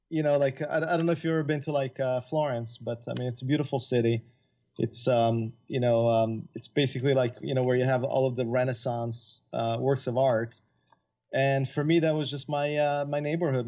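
A middle-aged man who grew up in Italy, a composer appearing as an interview guest, chats loosely in a medium-pitched, dark voice. He rambles with plenty of fillers and restarts, and the recording sounds somewhat dull and lo-fi.

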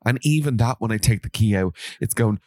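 A man's voice: lowish voice, brisk, a little mellow, no echo, studio quality. A man in casual comic podcast chat as a co-host, informal and playful as he airs small gripes. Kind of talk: casual comic chat, listing pet peeves.

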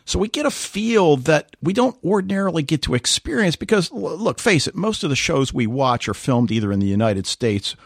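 A man's voice: on the high side, very animated, brisk, vocal fry, hardly any pauses, slightly rough, no echo, studio quality. A man co-hosting a podcast, chatting casually and telling stories with animation. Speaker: podcast co-host.

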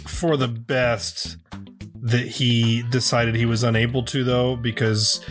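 A man's voice: medium pitch, little pitch movement, takes it slowly, soft background music. A man co-hosting a podcast, chatting casually with wry jokes and swearing. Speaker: podcast co-host. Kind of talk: casual chat.

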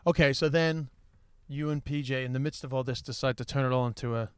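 A man's voice: mid-range voice, steady tone, quick pace, clear, resonant tone, no room sound, clean studio sound. A man with an Irish accent interviewing casually and informally, often interjecting as he listens.

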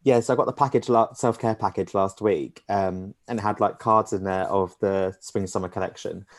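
A man co-hosting a podcast, chatting casually, giggly and animated, laughing often. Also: fairly low pitch, moderate pace. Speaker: podcast co-host. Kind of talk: casual chat.

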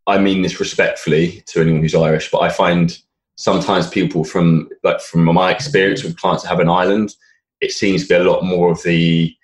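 A man's voice: deep voice, little pitch movement, normal speed, poor audio. A man hosting a fitness podcast, chatting casually and encouragingly, with frequent qualifying asides. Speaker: podcast host, fitness coach. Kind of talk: casual interview chat.

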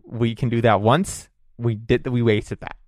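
A man playing a tabletop game, speaking bluntly and low-key. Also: steady tone, a little slow, a little mellow, no room sound, studio quality. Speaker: player.

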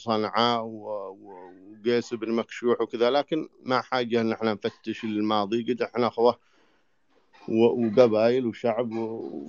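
Low-voiced sheikh on a dull distant line. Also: male voice, creaky, dry recording. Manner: halting, with many restarts and drawn-out fillers. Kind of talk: casual talk in an online voice chat.

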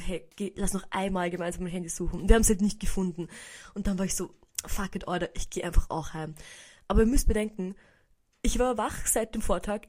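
A woman's voice: mid-range voice, warm tone. A young woman with a Viennese accent, telling a story in a casual podcast monologue, chatty, addressing her listeners directly and sprinkling in English slang. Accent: Viennese Austrian German. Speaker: podcast host.

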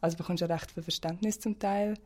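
A woman with a Swiss German accent talks quickly in a lowish voice, chatting frankly as a guest. She often restarts her sentences mid-thought. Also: steady tone, a little mellow. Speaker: interview guest. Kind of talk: casual personal conversation.

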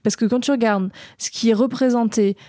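A woman's voice: a little high, steady tone, fairly quick, warm tone, no echo, studio quality. A woman speaking casually as the host of a conversational podcast.

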